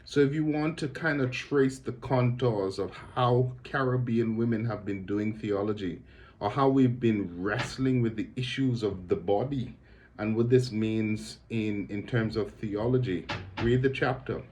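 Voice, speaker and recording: A middle-aged man from the Bahamas, a theologian talking to camera about his work in a thoughtful, measured way, repeating words as he searches for them. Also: fairly low pitch, darkish tone, slight background noise. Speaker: theologian and lecturer.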